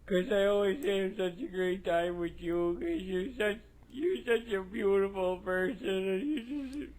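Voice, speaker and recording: A man's voice: high-pitched, measured pace, a little mellow, poor audio. A man voicing a dim, sweet-talking male cartoon character who leaves a goofy, sappy answering machine message.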